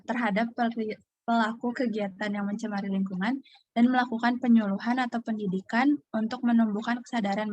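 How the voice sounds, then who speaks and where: A young woman from Indonesia, a student presenter, reading a class presentation haltingly with fillers and restarts. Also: medium pitch, a little mellow, dry recording. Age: young adult.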